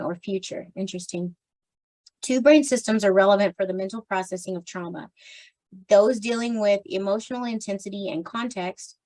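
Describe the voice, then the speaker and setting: A tired, slightly strained woman reading a nonfiction book aloud for a book club, now and then clearing her throat and restarting a stumbled phrase. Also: mid-range voice, poor audio. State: tired, voice strained from much talking.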